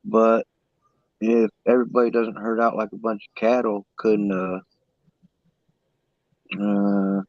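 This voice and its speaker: A man with a very low voice comes through a muffled, fuzzy, distorted phone connection. The sound is dull and close, with no room around it. He muses bluntly as a call-in guest in a casual chat. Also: flat delivery, slow, long pauses, dry recording. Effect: fuzzy distorted muffled call audio. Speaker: panel guest calling in. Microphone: phone resting on a pad.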